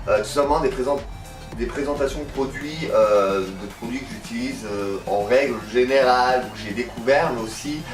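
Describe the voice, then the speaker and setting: A young man talks casually as a channel host, with an animated, teasing delivery. His s sounds come out slushy with a lisp. The voice sits at a middling pitch, away from the mic in an echoey room with music behind. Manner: animated, playful, swinging emphasis. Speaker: host of a gaming and vlog channel. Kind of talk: casual chatty channel introduction to camera. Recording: roomy echo, distant mic, music behind.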